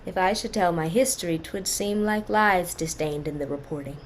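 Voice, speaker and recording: A woman's voice: on the low side, normal speed, a little hiss or hum, natural voice. An actress playing a young orphaned noblewoman, sorrowful and dignified, speaking classical verse in an earnest, formal way. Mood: guarded. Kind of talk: classical verse stage acting.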